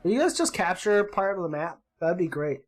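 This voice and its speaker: A man with a high voice hosts his gaming channel, giving brisk, excitable commentary as he plays. He yelps and groans at the action and swaps in mild words instead of swearing, with faint music in the background.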